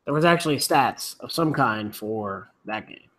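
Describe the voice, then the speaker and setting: A man's voice: medium pitch, expressive, a little slow, a bit bright. A man hosting a casual chat, rambling with restarts and the odd swear. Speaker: rugby podcast host.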